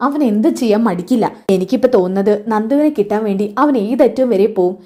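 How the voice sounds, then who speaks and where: A woman voicing a married man who calmly reassures his wife and worries about his brother. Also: medium pitch, fast, natural voice. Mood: concerned.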